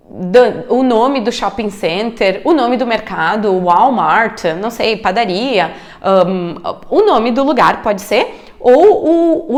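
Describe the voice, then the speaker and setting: A woman whose first language is Portuguese teaches English grammar on video. Her voice sits high and moves a lot between notes, and she takes her time. She tosses in English check-ins between explanations and draws out the example words. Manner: lively, frequent English check-ins like ok and alright; drawn-out, slowed model pronunciations.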